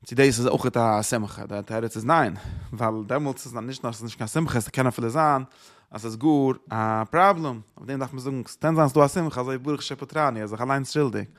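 A man teaching a religious lesson, explaining in loose, repeated phrases with rhetorical questions and many hesitant pauses. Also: mid-range voice. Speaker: Torah teacher. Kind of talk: religious lecture.

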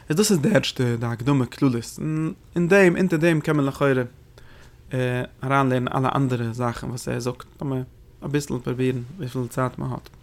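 A man teaching a lesson on religious texts, explaining quickly and often posing rhetorical questions to his listeners. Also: medium pitch, creaky. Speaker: Torah teacher.

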